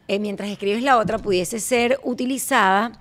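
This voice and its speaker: A woman's voice: medium pitch, normal speed. A woman hosting a casual chat, playful and laughing often, stumbling over English phrases. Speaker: host.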